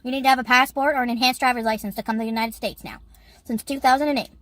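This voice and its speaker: A stern female border officer barks out clipped, impatient commands, as a high-voiced woman imitates her. The delivery is curt and dry, close to the mic. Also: fairly even intonation, very fast, fairly bright tone, no room sound, lightly acted.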